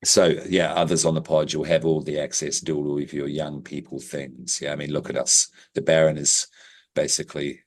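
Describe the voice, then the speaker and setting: Deep-voiced jokey podcast host. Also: male voice, normal speed. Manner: jokey, rambling, bursts of excited loudness. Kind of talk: casual podcast sign-off chat.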